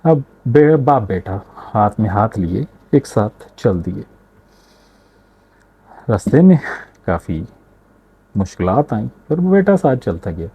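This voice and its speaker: Man, storyteller, moral tale narration, low-pitched, mellow, unhurried. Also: very animated, husky. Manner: unhurried, addressing listeners directly.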